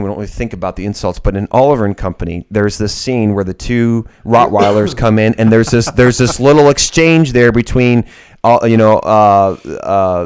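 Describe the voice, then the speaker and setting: A man's voice: lowish voice, a little mellow, smooth. A man co-hosting a casual movie podcast, laughing often and quoting film lines in silly voices. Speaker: podcast co-host. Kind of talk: casual chat ranking movie insults.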